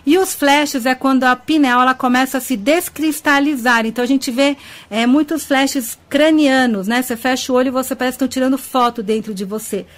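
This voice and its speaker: In a radio studio, a woman with a Brazilian Portuguese accent hosts a web talk show covering ufology and spirituality, speaking briskly in a high, steady voice. She is chatty and loving toward her audience, naming listeners and laughing often.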